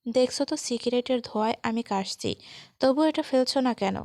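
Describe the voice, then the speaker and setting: A woman voicing an angry, sharp-tongued young woman who snaps irritably in a storybook reading. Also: on the high side, brisk, creaky, no room sound, clean studio sound. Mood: annoyed.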